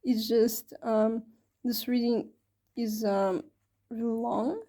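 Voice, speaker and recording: A woman gives her viewers a casual tarot reading, chatting away with plenty of fillers and self-corrections, her voice a little strained from talking so long. She speaks slowly in a fairly high, mellow voice with fairly even intonation.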